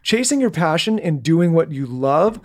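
A man's voice: fairly high pitch, very animated. A young man co-hosting a casual podcast, talking bluntly with plenty of swearing and run-on sentences. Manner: blunt, profane, rapid run-on talk. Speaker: podcast co-host.

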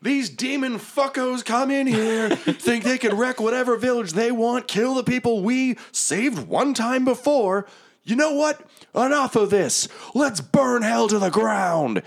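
A man's voice: extremely high pitch, animated, a little slow, gravelly, voice pushed up, heavily acted. A man voicing a fierce, profane female warrior angel in a tabletop game. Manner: brash, profane and commanding.

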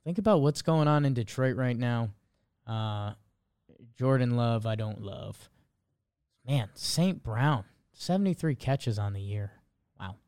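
A man's voice: mid-range voice, expressive, measured pace, a little mellow, smooth, no echo, clean studio sound. A man hosting a sports show in a casual, chatty style. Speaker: sports podcast host. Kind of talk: casual sports betting chat.

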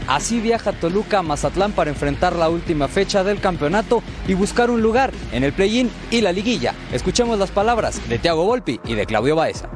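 A man reads a scripted sports report in a high, animated voice that swings up and down. Music is clearly heard behind him. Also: fairly quick.

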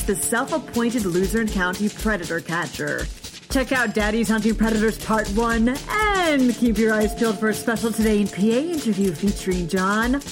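Upbeat woman reading local news. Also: fairly high pitch. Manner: brisk, upbeat newsreader delivery. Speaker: podcast news host.

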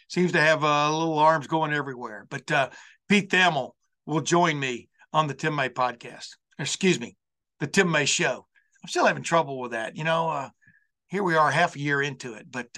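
A sports talk host with a slightly high, sharp voice delivers an unscripted monologue on his college football show. His style is folksy and rambling, often circling back over his own phrases.

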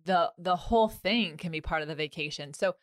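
A woman's voice: fairly low pitch, a little fast, no echo, clean studio sound. A woman hosting a podcast, chatting casually and telling stories with frequent fillers. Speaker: podcast host.

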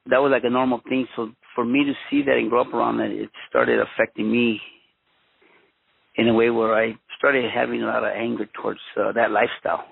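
A man in his fifties, born in Mexico and raised in Los Angeles, telling his own story as a former police officer, halting and restarting often. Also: mid-range voice, gravelly, husky. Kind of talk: personal storytelling interview. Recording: tinny phone-line audio.

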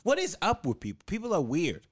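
A man's voice: high voice, huge pitch swings, brisk, dry recording, studio quality. A young man telling stories in casual podcast chat, slangy and laughing often.

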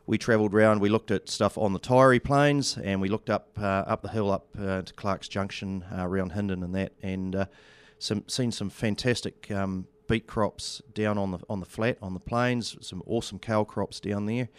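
Farm-industry radio guest, male, New Zealand accent, lowish smooth voice, halting and understated. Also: steady tone. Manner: halting, understated colloquial delivery. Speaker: studio guest, agricultural seed company representative. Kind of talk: casual radio interview. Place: radio studio.

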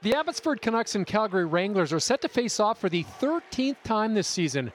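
A man voices a scripted sports news package. His voice is notably high for a man. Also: big pitch swings, a little fast, slight background noise. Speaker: sports reporter. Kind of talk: scripted TV report narration.

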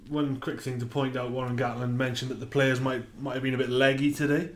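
A man's voice: medium pitch, level tone, a little fast, roomy sound. A man co-hosting a rugby podcast, eagerly breaking down the game. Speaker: rugby writer, podcast co-host. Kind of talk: casual podcast chat.

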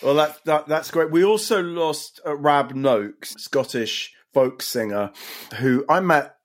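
A man's voice: fairly high pitch, slow. Genial man in his sixties hosting. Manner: genial, asks guests to share. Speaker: host. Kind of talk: casual chat.

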